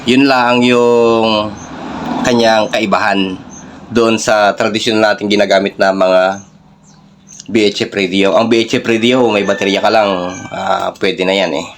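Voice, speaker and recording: A Filipino vlogger and radio hobbyist walks viewers through a hands-on tech demonstration in a fairly low, steady voice. His delivery is informal and explanatory, with halting phrases, and faint background noise sits behind him.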